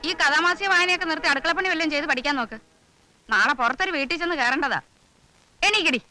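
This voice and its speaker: A bossy mother running the household, giving orders and nagging without pause. Her voice is high and bright, and she talks fast. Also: faint music behind. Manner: nagging and brisk. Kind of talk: film comedy acting.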